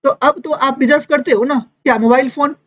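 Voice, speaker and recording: A woman teacher giving a lively classroom lecture, mixing Hindi and English and checking in with students constantly. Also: high-pitched, fairly quick. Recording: dull lo-fi classroom recording.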